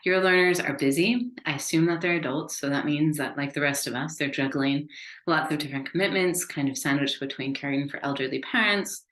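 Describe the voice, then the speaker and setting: Speaking a little fast, an American business consultant presents a lively, conversational webinar in a low voice with a fairly bright tone. Echo from the room is audible in the recording.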